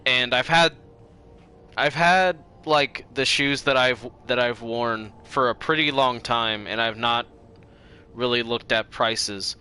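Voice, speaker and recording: Livestreaming a game, a man chats casually, rambling, getting easily distracted and circling back to repeat his own sentences. His mid-range voice is slow, sharp, clear and resonant.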